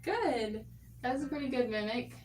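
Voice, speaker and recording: A woman's voice: on the high side, expressive, normal speed, darkish tone, slight background noise. Patient young woman coaching, echoey room. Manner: patient, explaining technique with fillers. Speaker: vocal coach. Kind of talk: singing lesson instruction. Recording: roomy, distant mic, faint music.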